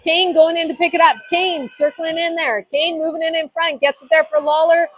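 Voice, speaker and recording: A woman with a high voice gives live hockey commentary. She calls the play in short, clipped phrases as a play-by-play announcer. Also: little pitch movement, normal speed, fairly bright tone, a little hiss or hum.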